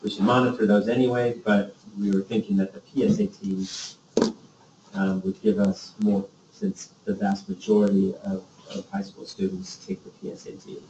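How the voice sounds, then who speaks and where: A man's voice: fairly low pitch, lively intonation, moderate pace, noisy background. A man in a committee meeting discussion, speaking earnestly and trailing off at the end of his points. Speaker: committee member. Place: meeting room. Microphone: distant room mic. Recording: dull, echoey meeting room from far off.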